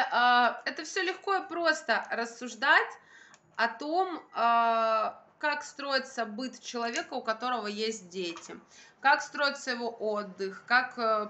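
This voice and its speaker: A slightly high, pushed, bright voice belongs to a young woman, a vlogger and mother, chatting to camera in an indoor room by a window. She holds her phone at arm's length and speaks emphatically and colloquially, with repeated phrases.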